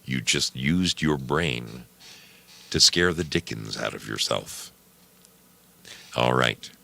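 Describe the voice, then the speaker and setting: In a casual live chat with listeners, a radio host speaks with a bass voice that's creaky, pushed and bright, at a slow pace. He is folksy and theatrical. Listeners are addressed as friends and dear brothers.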